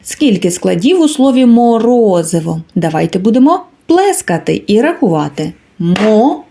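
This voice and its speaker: Brief: woman kindergarten teacher, lively sing-song pitch, deliberate and carefully enunciated. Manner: slow, clearly enunciated, drawing out words. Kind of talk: preschool literacy lesson.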